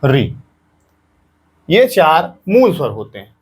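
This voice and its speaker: A man's voice: high-pitched, big pitch swings, a little slow. A male teacher giving an exam-prep grammar lesson, patiently saying each sound aloud and repeating points for students.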